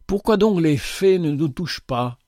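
A man voicing gentle, soft-spoken Félicia. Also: fairly high pitch, measured pace, dry recording, studio quality, pitched above the performer's own voice. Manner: soft, calm, quiet. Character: gentle earnest young woman, Félicia.

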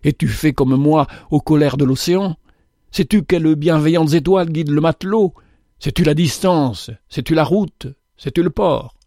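A man reading aloud, putting on a gentle stranger captain from a storybook parable. He pleads urgently in a raised, earnest voice, and the sound is close and dry. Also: a little high, moderate pace, no echo, pitched above the performer's own voice, natural voice. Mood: pleading.

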